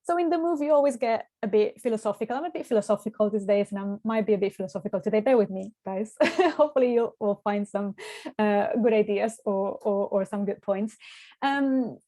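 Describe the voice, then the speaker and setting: A woman in her early forties leads a live workshop over a video call, with a relaxed, mellow voice that sits at a middling pitch. She talks in a reflective, searching way, often restarting and repeating words as she gathers her thoughts. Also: fairly quick. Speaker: workshop host and spiritual coach. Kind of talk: live online workshop talk.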